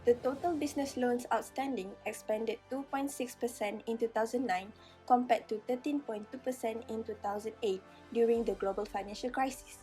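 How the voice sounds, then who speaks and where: Higher-voiced woman reporting news. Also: steady tone, normal speed, warm tone, low-quality recording. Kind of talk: scripted business news report. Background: faint music.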